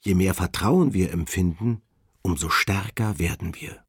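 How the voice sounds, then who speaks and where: A man giving a calm, measured reading of a spiritual text. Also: deep voice, husky, no echo, clean studio sound. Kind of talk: slow devotional reading.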